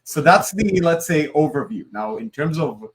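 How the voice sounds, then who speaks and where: The recording is rough, capturing a slightly high, expressive man speaking at normal speed. He's a Hebrew-speaking Israeli in his forties, a comic writer and creative director, rambling casually as an interview guest with fillers and asides.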